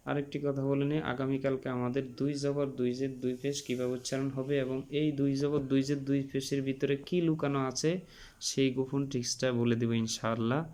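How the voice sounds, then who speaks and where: A man with a Bangladeshi Bengali accent teaching Quran reading, drilling letter sounds slowly and correcting common mispronunciations. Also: medium pitch, a little mellow. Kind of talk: step-by-step recitation lesson.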